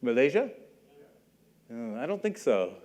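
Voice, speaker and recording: A middle-aged man from Canada giving a university lecture in a conversational way, often checking in with the audience with questions and a quick "right?". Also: medium pitch, very animated, a little mellow. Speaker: guest lecturer.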